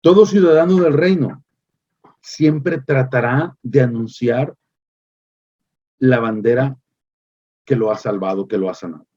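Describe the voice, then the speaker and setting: A male pastor delivering a sermon in an emphatic preaching manner, repeating phrases and pausing with hesitant fillers. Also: medium pitch, a little mellow, lo-fi sound.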